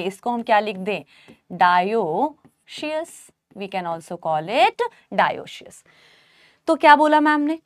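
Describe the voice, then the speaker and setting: A woman teaching a biology class, repeating key terms slowly and making up a memory trick for her students. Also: high-pitched, no echo, clean studio sound.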